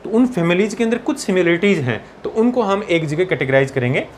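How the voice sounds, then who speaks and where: In a high-pitched, very animated voice with a little hiss or hum, a man teaches biology for an entrance exam, mixing Hindi with English. He slows down to dictate English textbook lines and keeps checking in with "ठीक है ना."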